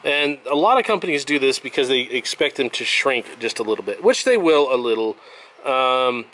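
A man who repairs violins, explaining each step of a workshop tutorial in a relaxed, step-by-step way while working at his bench. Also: medium pitch, moderate pace, slight background noise. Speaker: violin maker.

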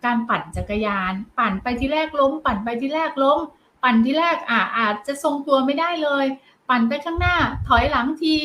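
A middle-aged woman gives a parenting lesson on helping children talk. Her voice sits a little high, and her delivery is gentle and encouraging, with phrases often closed by soft polite particles. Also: low-quality recording. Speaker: child development teacher.

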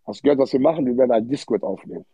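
A livestream host chats casually in German from an indoor hotel room, with an Arabic-influenced accent, streetwise slang, frequent Arabic interjections and repeated words. His medium-pitched voice is very fast, warm and husky with vocal fry. He holds a phone close with no headphones, giving dry, dull, lo-fi livestream audio.

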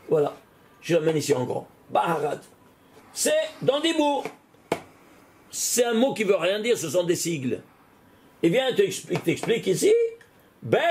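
A man with a high, gravelly voice teaches a recorded Torah class. He keeps asking his listeners questions and answers each one himself, his pitch rising and falling with energy. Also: slight background noise. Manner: asks questions and answers them himself, animated rise and fall.

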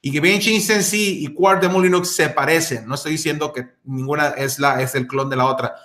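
A man's voice: fairly high pitch, fairly even intonation, fairly quick, fairly bright tone, echoey room. A middle-aged man, casually reviewing a fragrance, chatty with many fillers and restarts. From Mexico.

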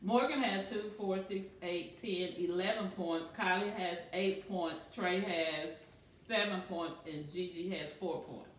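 A woman's voice: on the low side, a little slow, slight background noise. A woman keeping score in casual family chat around a kitchen table. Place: home kitchen dining room, indoors. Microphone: camera across the table. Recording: very echoey room, distant from camera mic.

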